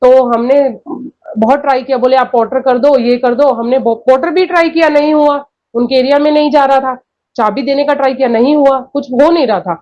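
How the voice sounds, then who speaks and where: A woman with a high voice tells a personal story to an interviewer. She rambles through asides in a chatty, animated way. The sound is dull and lo-fi. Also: brisk. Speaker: guest sharing a personal experience. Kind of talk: conversational storytelling.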